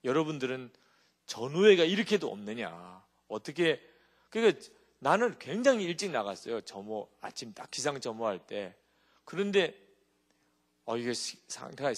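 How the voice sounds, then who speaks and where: A man preaches a sermon with a middle-pitched voice that rises and falls widely as he tells stories. He keeps turning to his congregation with quick rhetorical questions. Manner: animated storytelling with rhetorical check-ins to the congregation. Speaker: pastor.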